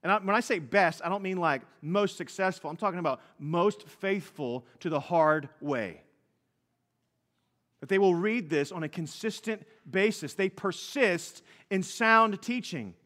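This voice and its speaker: A man in his thirties preaching a sermon as pastor, earnest, going from loud emphasis to quiet tender asides. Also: high voice, measured pace. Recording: long reverb of a hall.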